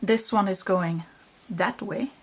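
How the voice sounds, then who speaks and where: A woman's voice: mid-range voice, slow pace, breathy edge. A woman hosting a casual hands-on quilting tutorial, explaining step by step, with machine noise behind her voice. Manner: explains step by step, checking understanding. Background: sewing machine noise.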